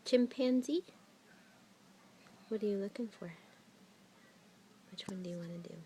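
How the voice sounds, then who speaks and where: A young mother coaxing her toddler through a picture book, sing-song and gentle with soft asides. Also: mid-range voice, measured pace. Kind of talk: playing with a toddler. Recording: noisy home video.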